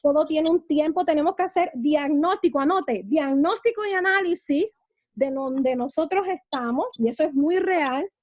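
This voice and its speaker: A woman's voice: high-pitched, normal speed, darkish tone, dry recording, highs cut off. A woman pastor teaching a church seminary class in a fervent preaching manner, often saying amen. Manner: fervent preaching, frequent amens.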